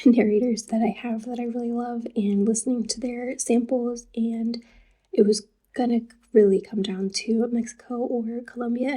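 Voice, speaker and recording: Woman vlogger, soft and husky, mellow tone, slightly high voice, loose chatty delivery. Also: rough recording. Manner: chatty and loose, with casual asides. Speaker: language learner vlogger. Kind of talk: casual chat to camera.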